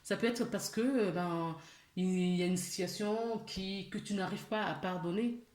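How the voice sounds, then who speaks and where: Slow, questioning woman in an echoey room. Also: mid-range voice, darkish tone. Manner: slow, questioning, addresses listener directly. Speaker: spiritual channeler. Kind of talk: spiritual guidance reading.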